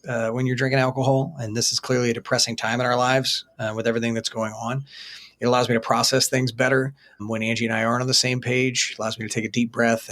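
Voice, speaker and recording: A man in his forties co-hosting a podcast, speaking in a calm, measured, casual way. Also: mid-range voice. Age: 40s. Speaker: podcast co-host.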